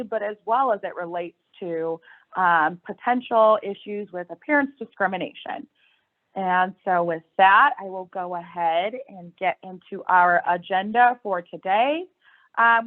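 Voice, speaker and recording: A young woman, an employment lawyer, presenting a webinar agenda in a clear, organized way. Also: medium pitch. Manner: clear, organized, steady delivery. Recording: tinny phone-like line.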